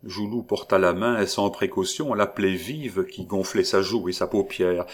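A man narrating a novel in a steady, measured reading voice. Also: low-pitched. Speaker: audiobook narrator.

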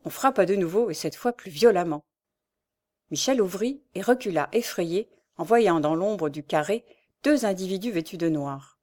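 A woman narrates a classic novel at an even, measured pace in a mid-pitched voice. Her storytelling is steady and unhurried.

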